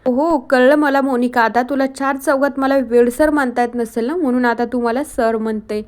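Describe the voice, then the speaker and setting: A woman's voice: sits high, steady tone, normal speed, a little mellow, close to an everyday voice. Woman reading a smug scheming man. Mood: gloating. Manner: gloating and sly. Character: smug scheming man boasting of his plot.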